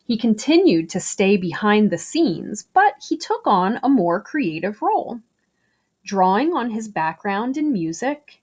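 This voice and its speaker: In dull-sounding audio, a woman takes her time reading a picture book aloud for children at a slow pace. Her intonation roams up and down as she phrases each line with care, leaning on important words like an expressive storyteller.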